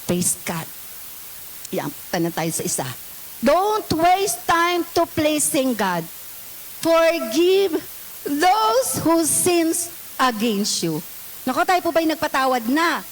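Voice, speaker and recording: A woman's voice: high voice, sing-song, takes it slowly, a little hiss or hum, rough recording. A woman pastor with a Filipino accent preaches a sermon in a church, switching between scripture read in English and Tagalog and asking the congregation questions.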